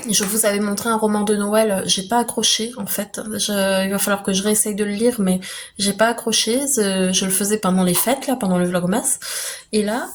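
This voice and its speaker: Woman vlogger, casual and rambling, fillers galore, faint household noise behind. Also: mid-range voice. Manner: chatty, many fillers and restarts, laughs easily. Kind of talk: casual vlog chat.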